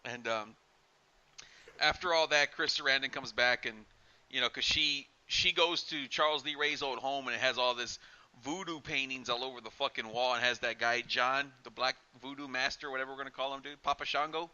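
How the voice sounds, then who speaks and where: A man's voice: medium pitch, fairly even intonation, normal speed, pushed and bright, clear, resonant tone, lo-fi sound. A man co-hosting a casual horror podcast, rambling and swearing and saying dude every few words. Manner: rambling, profane, says dude a lot. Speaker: podcast co-host.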